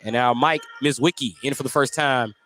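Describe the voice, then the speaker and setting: This is a mid-range male voice at a normal pace, giving live radio play-by-play of a basketball game. His style is chatty, with jokes slipped in between calls, and the gym broadcast audio is clear despite the background noise.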